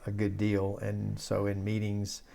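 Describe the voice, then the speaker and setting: A soft-voiced man talking casually and haltingly as the host of a church discussion, like a pastor. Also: fairly low pitch, monotone, vocal fry, slight background noise.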